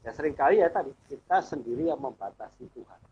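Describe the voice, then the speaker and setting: A middle-aged man, a church elder appearing as a guest speaker, earnestly gives his personal faith testimony in conversation, acting out the dialogue he remembers. His medium-pitched voice is expressive, fast and a little mellow, on a dull lo-fi recording with a little hiss or hum.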